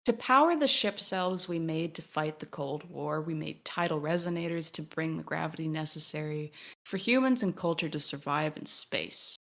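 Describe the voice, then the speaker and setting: Her voice sits low, with a fairly bright tone and moderate pace, as she co-hosts a podcast about a video game. She analyzes it wordily while thinking aloud, sometimes reading text aloud.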